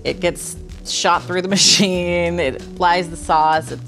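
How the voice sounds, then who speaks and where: Low-voiced, chatty woman interviewee. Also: steady tone, unhurried, fairly bright tone, soft background music. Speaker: food writer.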